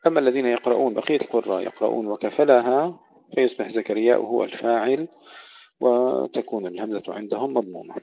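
A man teaching Quran recitation rules, explaining variant readings and slowing down to recite example verses. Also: mid-range voice, creaky. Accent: Arabic. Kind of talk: tajweed lesson with recited verses. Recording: dull, dry lo-fi audio.

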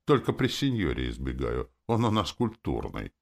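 A man's voice: very deep voice, wildly swooping pitch, normal speed, creaky, full character voice. A man reading an audiobook, voicing a stern, self-assured young male soldier who grumbles and lectures like a know-it-all. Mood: offhand. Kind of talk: audiobook character voice.

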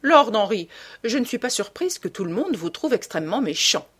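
A woman's voice: a little high, very animated, moderate pace, fairly bright tone, husky, voice pushed up, full character voice. A woman voicing an elderly aristocratic hostess who is gossipy and teasing, reading an audiobook with exclamatory emphasis.

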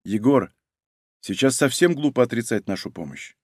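A man reading aloud, voicing a forceful young female agent who speaks sharply and insistently. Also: medium pitch, animated, moderate pace, no room sound, clean studio sound, natural voice.

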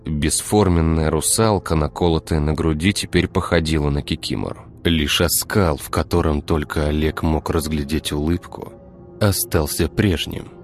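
A man narrating an audiobook in a measured, even storytelling manner. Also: rumbling low, faint music behind.

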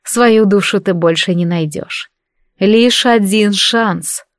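A proud, mocking goddess with fiery hair speaks slowly and deliberately, voiced by a woman reading a fantasy audiobook. Her voice sits in a middle register. The recording is close and dry. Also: mid-range voice, no echo, natural voice. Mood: stern. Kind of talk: audiobook narration.

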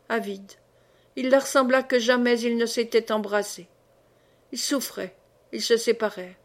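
Woman reading a classic novel aloud. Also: fairly high pitch. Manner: calm, measured, expressive reading. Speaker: audiobook reader. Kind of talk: literary audiobook narration.

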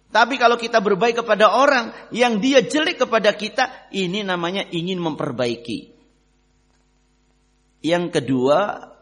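A man preaching a sermon to his brothers in faith, lively, swinging between loud emphasis and quiet asides, often asking the audience questions. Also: fairly high pitch. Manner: addresses listeners as brothers, asks questions.

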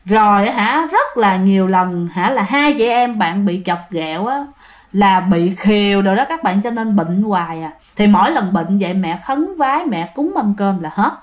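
A woman's voice: medium pitch, expressive, normal speed. A woman with a Southern Vietnamese accent casually telling a ghost story, chatting straight to her listeners with lots of fillers. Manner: chatty, addresses listeners directly, many fillers.

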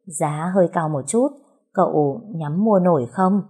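A woman's voice: on the low side, unhurried, dark tone, slightly rough. A woman voicing a greedy older brothel madam who fawns on the rich and haggles for money. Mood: fawning. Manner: fawning yet haughty, wheedling.

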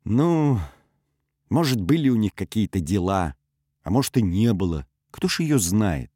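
Man doing a jumpy officer brushing it off, higher voice, dry. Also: big pitch swings, a little slow, dark tone, dry recording. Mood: dismissive. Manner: dismissive, nervously joking. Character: nervous male army officer, brushing things off.

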